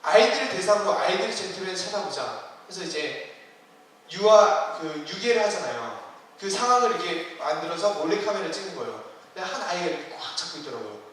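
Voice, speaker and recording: High-voiced young preacher in an echoey hall. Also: male voice, sing-song, a little fast, a bit bright, a little hiss or hum. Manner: conversational preaching with questions to the congregation. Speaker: youth ministry preacher. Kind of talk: sermon. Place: church sanctuary. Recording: roomy hall, distant mic.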